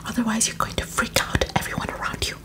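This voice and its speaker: A woman performs a whispered role-play in fast ASMR style, staying in an airy whisper. She plays a hurried personal helper, speaking to the listener up close in short phrases and often repeating small words in rapid little strings.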